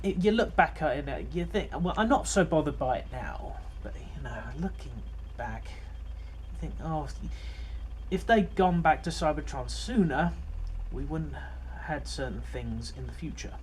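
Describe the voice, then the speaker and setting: A man hosting his own fan series rambles casually through an overview of an episode, with many fillers and restarts. His voice is a little high and animated, with a darkish tone and a moderate pace. There is slight background noise.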